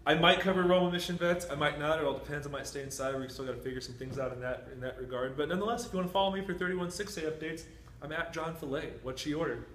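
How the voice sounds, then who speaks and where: Brief: young male sports-podcast host, quick and jokey, roomy echo. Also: on the high side. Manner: loud, jokey, energetic. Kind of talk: casual podcast chat. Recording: roomy echo, faint noise.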